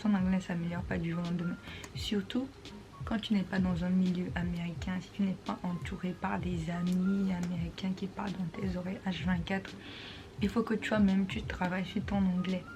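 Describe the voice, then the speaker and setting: A woman vlogger explaining English pronunciation in a casual talk, repeating words slowly and patiently. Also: on the low side, level tone, music in the background.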